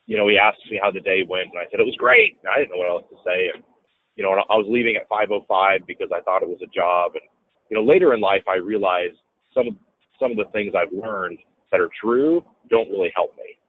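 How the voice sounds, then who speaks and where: A man's voice: low-pitched, fast, no room sound. A man telling a story in a casual interview, acting out other people's lines in a raised voice. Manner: animated, acts out quotes in a raised voice. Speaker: guest, real estate businessman. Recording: tinny phone-like audio.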